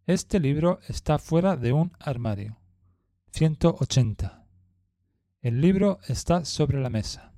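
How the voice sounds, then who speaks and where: A man working through numbered practice sentences at a deliberate, unhurried pace. His tone is mellow and dark, and the recording is dry and close, with no room around it. Each line comes out plain and measured, like a teacher's drill. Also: medium pitch, no echo. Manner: reads each numbered sentence slowly and evenly. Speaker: language teacher. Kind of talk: slow numbered phrase drill.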